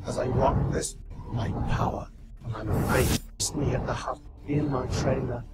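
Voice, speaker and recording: Solemn holy warrior, very breathy and husky, mid-pitched, dramatic game trailer monologue. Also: male voice, steady tone, normal speed, a little mellow. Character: solemn male Templar, man of faith.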